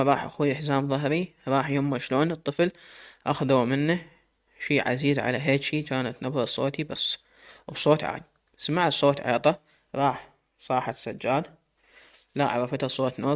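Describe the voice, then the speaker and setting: A man with an Iraqi Arabic accent telling a dramatic story in first person, emotional and full of quoted dialogue. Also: mid-range voice.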